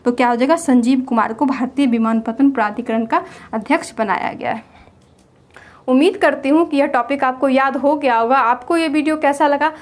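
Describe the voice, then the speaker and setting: A woman's voice: high-pitched, moderate pace. A young woman teaching a general knowledge lesson, explaining memory tricks and asking and answering her own questions. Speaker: quiz teacher.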